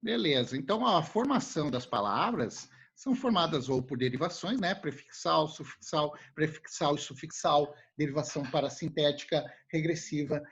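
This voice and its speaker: A male teacher, joking and animated as he explains things to his class. His pitch leaps around a lot, and his voice is a little husky. The recording sounds muffled and lo-fi. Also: normal speed, hardly any pauses. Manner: animated, jokey, talks to students as a group. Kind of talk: casual classroom lesson.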